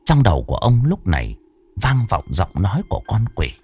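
A man's voice: deep voice, huge pitch swings, fairly quick, darkish tone, slightly rough. A man narrating a ghost story in a dramatic, scripted way. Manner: dramatic, swooping storytelling delivery. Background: faint background music.

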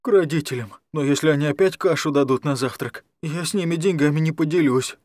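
A man's voice: fairly quick, a little mellow, no room sound, close to an everyday voice. A man voicing a frightened, childlike young man who blurts out simple, trusting words. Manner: naive, blurting, high and strained when scared.

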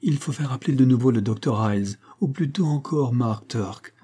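A brusque, hearty older clergyman from a storybook, as a man reads him. He talks briskly in a dark, slightly husky voice. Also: mid-range voice, natural voice.

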